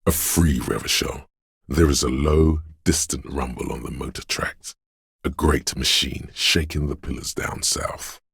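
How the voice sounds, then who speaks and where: In solemn, measured, atmospheric game narration, a male actor gives a full character voice, very deep and gravelly yet a bit bright, to the brooding, poetic inner sense of a haunted city. The recording is dry and clean, with studio sound.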